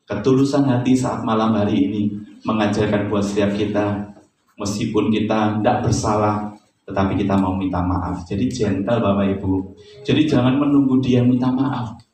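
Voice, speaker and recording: A man's voice: fairly low pitch, steady tone, moderate pace, a little mellow. Man preaching in an echoey church hall. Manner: chatty, jokes with congregation. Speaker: pastor. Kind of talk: sermon. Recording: echoey church hall, distant mic, faint noise.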